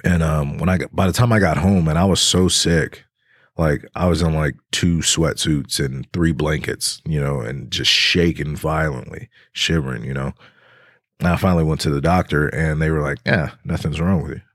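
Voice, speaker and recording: A man with a very low, deep voice talks in a loose, rambling way, full of fillers and easy laughs. It sounds like a relaxed podcast chat recorded close and dry, with no room sound. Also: moderate pace, dry recording. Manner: laid-back, rambling with many fillers, laughs often. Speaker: podcast co-host. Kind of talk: casual chat.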